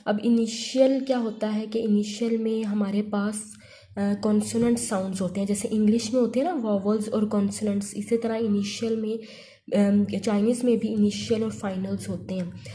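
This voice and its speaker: A woman's voice: mid-range voice, fairly even intonation, moderate pace, dark tone. A woman teaching an online language lesson, patiently repeating points and mixing in English terms. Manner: mixes Hindi-Urdu with English terms.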